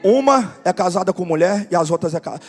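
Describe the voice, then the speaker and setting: A male pastor telling testimonies in a sermon, animated, acting out the dialogue and building to shouts. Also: high voice, a little fast, big-room sound, faint music behind. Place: church conference.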